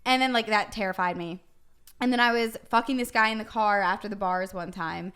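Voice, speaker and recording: A woman's voice: mid-range voice, a little fast, smooth. A young woman co-hosting a podcast, telling candid stories in casual chat with lots of fillers. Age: young adult. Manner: candid, animated storytelling with frequent fillers. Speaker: podcast co-host.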